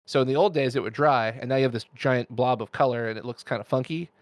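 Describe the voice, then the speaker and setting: Man, podcast guest, chatty explainer, jokey asides, mid-pitched voice, dry close sound. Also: fast, no echo. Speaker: guest miniature painter. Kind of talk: casual podcast chat, explaining technique.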